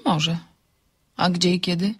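A woman's voice: lowish voice, steady tone, measured pace, slightly rough. An actress playing a dry, ironic woman architect in a radio drama, trading quips on the phone. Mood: wry. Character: wry, sharp-tongued woman architect.

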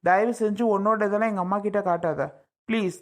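An exasperated husband in a domestic family skit, played by a woman, firmly scolding his wife. He speaks at an ordinary middle pitch. His manner is stern and impatient. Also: fairly even intonation, a little fast, close to an everyday voice. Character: irritated husband defending his mother.

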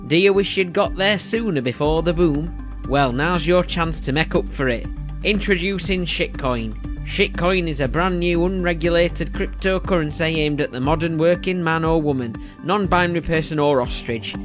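A Yorkshire man voicing a mock advert announcer, drawing out words in a salesy pitch. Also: moderate pace, music in the background, natural voice. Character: male advert voiceover hawking a joke product.

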